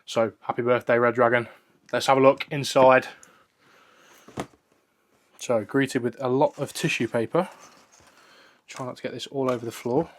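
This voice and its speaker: A man's voice: mid-range voice, steady tone, normal speed, long pauses, slight background noise. A man reviewing and unboxing darts in a casual, enthusiastic way, often repeating "very, very".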